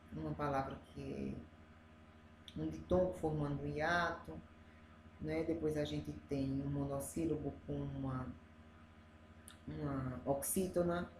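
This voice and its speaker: A woman teacher with a Brazilian Portuguese accent, going through review exercises step by step and often checking in with "né?". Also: deep voice. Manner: explains step by step, often adds "né?". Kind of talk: reviewing exercises for adult students. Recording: echoey room, faint ambient noise.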